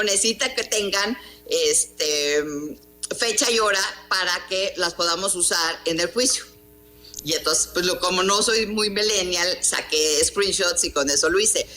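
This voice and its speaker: A middle-aged woman with a Mexican Spanish accent, a journalist and columnist, gives an indignant, emphatic news-program interview full of rhetorical questions. Her medium-pitched voice comes across pushed and bright.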